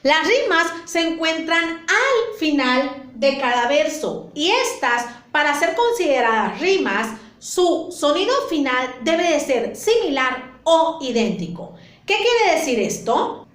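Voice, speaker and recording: Mexican woman teacher for kids, high animated voice, slow and patient, echoey room. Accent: Mexican Spanish. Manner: patient, explains step by step, repeats points with diminutives. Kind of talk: classroom lesson for children.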